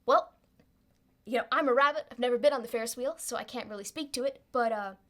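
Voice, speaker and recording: A little talking hare acted out by a woman at a game table. The voice is small, pixie-like and on the high side. It chats like a street-wise trickster, always chummy and coaxing. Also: fast, fairly bright tone, close to an everyday voice. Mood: chatty, evasive. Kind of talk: tabletop role-play.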